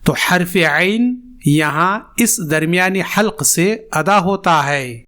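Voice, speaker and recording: A teacher giving a tajweed lesson, speaking slowly and deliberately, spelling out letters and modelling sounds for the learner to repeat. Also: mid-range voice, expressive, sharp tone. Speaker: Quran pronunciation teacher. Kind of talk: tajweed lesson with repetition drills.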